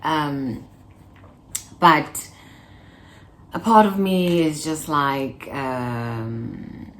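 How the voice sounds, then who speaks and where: A woman in her twenties vlogs in a deep voice, speaking very slowly, with a little hiss or hum audible. She chats casually and playfully to her viewers, breaking into laughter and fragments of song.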